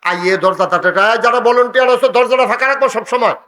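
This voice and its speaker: Male preacher, bright sharp tone, chanting call-and-response sermon, fast asides. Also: extremely high pitch, low-quality recording. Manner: scolds the mic operator in quick asides. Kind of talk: sermon at a religious gathering.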